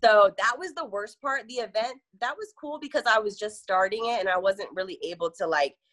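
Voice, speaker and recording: A young woman talking as an interview guest, chatty and quick, with many fillers and frequent laughter. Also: medium pitch, a bit bright. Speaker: event promoter, guest. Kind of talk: casual interview chat.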